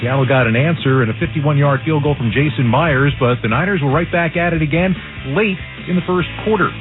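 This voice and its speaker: Higher-voiced man recapping football on radio. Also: a little fast. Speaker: postgame radio studio host. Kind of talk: sports highlight recap. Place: radio studio. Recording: phone-like radio sound with music underneath.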